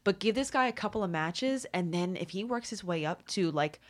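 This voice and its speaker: A woman's voice: medium pitch, lively intonation, a little fast. A woman co-hosting a podcast in casual chat, gushing with enthusiasm and laughing easily. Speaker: podcast co-host.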